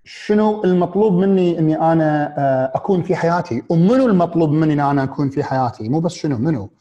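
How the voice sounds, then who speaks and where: A man with a Gulf Arabic accent giving a reflective motivational talk, asking one rhetorical question after another and pausing on fillers and restarts. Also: fairly high pitch, expressive, dark tone, lo-fi sound. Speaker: speaker on happiness and mindfulness.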